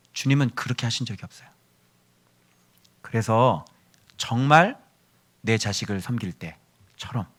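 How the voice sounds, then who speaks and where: A male pastor preaching a sermon, acting out quoted people and shifting between loud outbursts and hushed asides. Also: fairly low pitch, breathy edge. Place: church.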